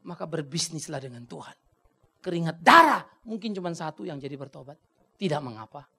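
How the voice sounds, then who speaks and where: A man preaching a sermon as pastor, dramatic and blunt, dropping to a hush and then rising to a shout. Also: a little high, big pitch swings, brisk, gravelly, breathy edge. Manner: dramatic, swings from hushed to shouting; colloquial, blunt asides.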